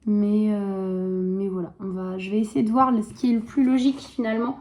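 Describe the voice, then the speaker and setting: A woman with a mellow, soft voice chats about her stitching in a relaxed show-and-tell. She hesitates often and fills pauses with small sounds. Now and then her voice drops to a murmur. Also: medium pitch. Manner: chatty, hesitant, many fillers; soft, sometimes drops to a murmur while checking. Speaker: embroidery vlogger.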